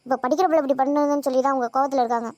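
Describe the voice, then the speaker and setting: A guilt-ridden young female college student in a cartoon, voiced by a woman, apologizing and pleading. She speaks very fast in a high voice, recorded dry. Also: steady tone, a little mellow, no echo, dull audio, natural voice. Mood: apologetic. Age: young adult. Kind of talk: animated cartoon dubbing.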